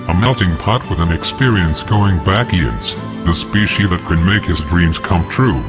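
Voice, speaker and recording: Guy with a disguised deep voice, super low, scripted manifesto, music playing behind. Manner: defiant, declaiming.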